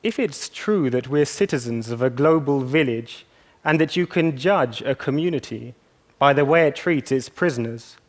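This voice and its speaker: A young man from England giving a measured, earnest talk to an audience. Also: mid-range voice, expressive. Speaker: speaker. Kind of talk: scripted talk.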